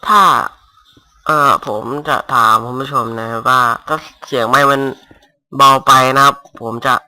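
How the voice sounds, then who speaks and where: A young man casually commentating his Minecraft game at home on a headset mic, talking softly and rambling. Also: medium pitch, fairly even intonation, normal speed. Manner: rambling, talks softly to avoid disturbing neighbors. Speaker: gaming YouTuber. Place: home room. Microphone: cheap gaming headset mic.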